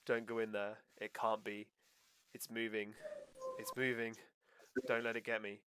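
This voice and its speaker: A man's voice: lowish voice, little pitch movement, measured pace, fairly bright tone, a little hiss or hum. A man voicing a terrified male prisoner who keeps begging and repeating himself in panic. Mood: frightened pleading. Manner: frantic repeated pleading, rising to screams.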